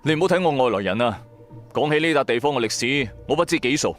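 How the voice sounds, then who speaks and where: Over background music, a medium-pitched man speaks quickly with lively intonation and a natural sound, irritated and skeptical in mood. As the radio drama's lead, he narrates in first person as a bankrupt male electronics trader who is streetwise, hot-tempered and hard-pressed, using an emphatic, colloquial style.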